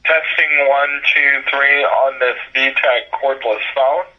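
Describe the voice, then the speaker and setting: A man's voice: mid-range voice, fairly even intonation, slow. A man's recorded test message, played back over a landline answering machine. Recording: dull lo-fi phone playback from a distance.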